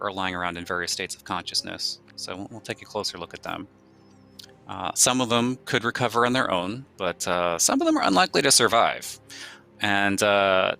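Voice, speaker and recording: A game developer showing his game in a live walkthrough, explaining in a relaxed way with many fillers. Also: fairly low pitch, creaky.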